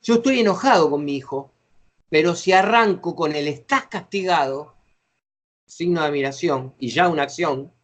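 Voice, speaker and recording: A man's voice: on the high side, brisk. A middle-aged man with an Argentine accent leads a training session for facilitators, chatty and acting out example phrases as he explains. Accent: Argentine Spanish.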